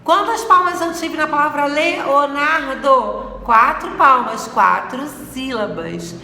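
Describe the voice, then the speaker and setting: A woman's voice: high-pitched, slow pace, pushed and bright, a little hiss or hum. A woman from Brazil teaching a recorded lesson to young students, stretching out and repeating words to stress their syllables. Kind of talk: recorded video lesson for sixth graders. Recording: echoey room with long reverb.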